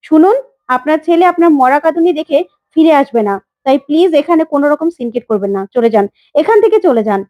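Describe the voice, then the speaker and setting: A woman voicing a defiant young woman who scolds her elders in sharp retorts, in a retold serial story. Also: high-pitched, expressive, fast talker, no room sound.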